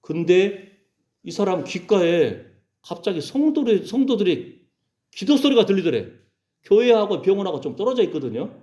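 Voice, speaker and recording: A male pastor preaching a lively sermon, acting out quoted voices and calling for amens from the congregation. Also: sits high, moderate pace. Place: church sanctuary. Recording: roomy church sound, dull lo-fi.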